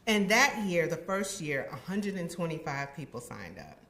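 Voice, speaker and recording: Lively, lower-pitched woman giving a speech. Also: normal speed, slight background noise. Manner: expressive, acts out her own past thoughts. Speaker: university administrator giving a ceremony speech. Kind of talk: heartfelt ceremony speech. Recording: echoey room.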